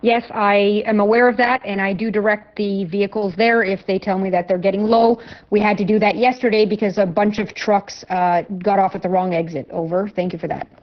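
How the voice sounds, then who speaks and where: A woman dispatching a truck convoy over CB walkie-talkie radio, giving clear, methodical directions and ending each call with "over.". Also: medium pitch, steady tone, fairly quick. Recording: lo-fi radio transmission.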